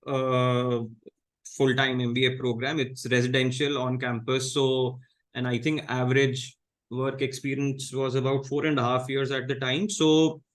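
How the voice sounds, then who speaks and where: Indian man, 30s, low-key guest, measured talker, middle-pitched. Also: a bit bright. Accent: Indian English. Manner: measured, low-key, many fillers and restarts. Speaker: guest comedian. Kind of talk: casual interview chat.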